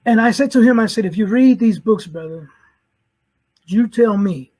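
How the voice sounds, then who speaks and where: A man's voice: high voice, moderate pace, darkish tone, low-quality recording. A middle-aged man from St. Louis, Missouri gives a personal conversion testimony. He is earnest and acts out whole conversations in quoted dialogue. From St. Louis, Missouri, USA. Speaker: convert telling his story.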